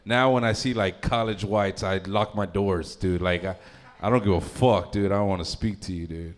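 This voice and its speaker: Delivering a crude, meandering stand-up routine, this man speaks at a moderate pace with a fairly low pitch. He frequently cracks up at his own material and fills pauses with lots of uhs and ums.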